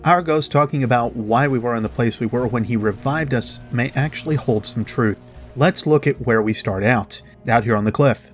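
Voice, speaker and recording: Over background music, a mid-range male voice talks directly to viewers in a narrated game lore video. He hosts it with dramatic pauses throughout.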